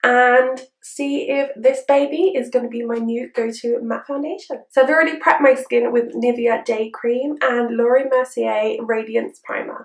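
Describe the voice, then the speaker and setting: A young adult woman reviews a beauty product in a casual chat to camera, her manner chirpy and perky. Her voice sits a little high and the mic is distant. She's in a small indoor room, and the sound carries a roomy echo.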